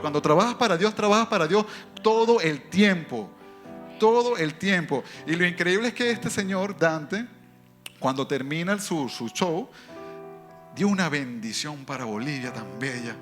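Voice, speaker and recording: Lively man telling a church testimony. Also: fairly high pitch, soft background music. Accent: foreign accent in Spanish. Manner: lively storytelling, jumps between quick and drawn-out phrases. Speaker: church member giving testimony.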